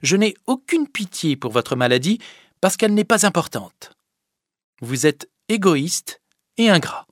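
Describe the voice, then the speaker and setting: A man reads an audiobook in a full character voice pitched above his own, playing a stern, commanding young village girl who scolds firmly and then turns gentle. His high voice is very animated and a little slow, in a dry, studio-quality recording.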